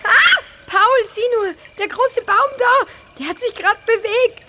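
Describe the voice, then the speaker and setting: Woman playing a little girl, excited, shrill, very high voice, noisy recording. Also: measured pace.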